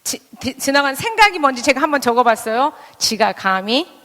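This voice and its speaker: A woman, a pastor's wife, preaching at a church service in a candid, lively way, acting out people's thoughts as she goes. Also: sits high, brisk, big-room sound. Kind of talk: sermon at a Friday service. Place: large church sanctuary.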